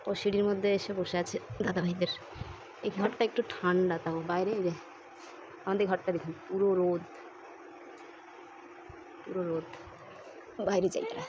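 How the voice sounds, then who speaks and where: A woman's voice: lowish voice, fairly even intonation, moderate pace, pauses often. Chatty woman vlogging from home. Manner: chatty, talking to viewers while going about chores. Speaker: vlogger and mother. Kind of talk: casual home vlog. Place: rural home and courtyard on a hot day. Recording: outdoor ambience with passing vehicles. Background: traffic and ambient noise.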